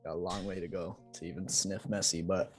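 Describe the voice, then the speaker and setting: A laid-back man co-hosts a live stream, tossing out short, easy replies. His voice is on the low side, casual and unhurried. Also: little pitch movement, husky, faint music behind. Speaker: co-host of a live trading stream.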